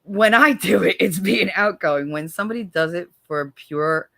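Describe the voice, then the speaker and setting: In studio-quality audio with no echo, a creaky-voiced American woman hosts a casual livestream at a normal pace. Reading viewer comments, she's blunt and foul-mouthed, shifting from low, weary tones to cutting sarcastic jabs.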